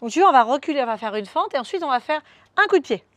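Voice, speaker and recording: A woman's voice: high-pitched, animated, racing, a bit bright, no room sound. A woman coaching a beginner workout, upbeat and coaxing, counting moves aloud as she demonstrates. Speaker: fitness coach. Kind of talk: guided workout instruction.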